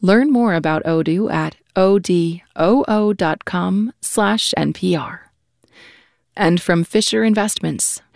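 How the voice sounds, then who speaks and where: Lady reading sponsor lines on the radio, crisp, dry booth. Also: fairly low pitch, a little mellow, no echo. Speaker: sponsor announcer. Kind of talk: scripted announcements.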